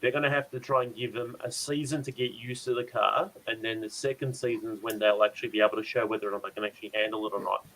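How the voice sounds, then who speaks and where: Quick-talking man, racing co-host, emphatic. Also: on the low side, steady tone, fairly bright tone, poor audio. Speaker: podcast co-host. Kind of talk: casual motorsport chat.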